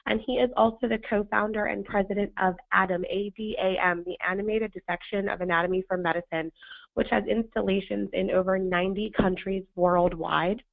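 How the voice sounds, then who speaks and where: A woman hosts a webinar with a hoarse smoker's rasp and plenty of gravel in her voice. She reads a prepared presentation, and the sound is thin, like a phone line. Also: medium pitch, fairly even intonation, a little fast. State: hoarse, sandpaper-rough voice. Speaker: webinar host. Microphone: phone or webinar audio connection.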